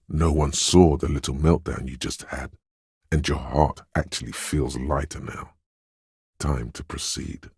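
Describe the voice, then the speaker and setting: A slick, suave male inner voice narrates a video game, speaking in the second person straight to the player. It is extremely low, very deep and heavily husky, with a darkish tone, recorded very dry and close with no room sound. The delivery is measured, theatrical and wry with a cunning edge, a full character voice.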